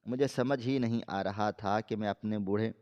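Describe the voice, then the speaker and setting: A male storyteller reading a first-person drama in a steady, dramatic way. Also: lowish voice, clean tone, muffled recording.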